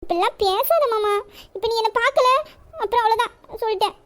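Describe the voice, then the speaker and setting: A woman's voice: very high-pitched, brisk. A woman voicing a young college girl in love in a romantic audio drama, pleading and coaxing her sweetheart. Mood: pleading, tearful.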